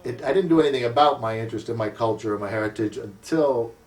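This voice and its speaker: This community association president from the United States is an older man looking back on his past for an interview, a little distant in tone. He talks fast at a medium pitch, thinking aloud with plenty of ums and corrections of himself.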